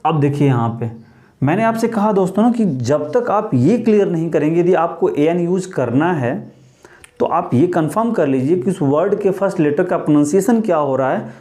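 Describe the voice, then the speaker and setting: Guy teaching grammar online, kinda high voice, keeps asking questions then answers himself. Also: moderate pace. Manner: lively, addresses viewers as friends, many rhetorical questions. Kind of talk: Hindi-English grammar lesson.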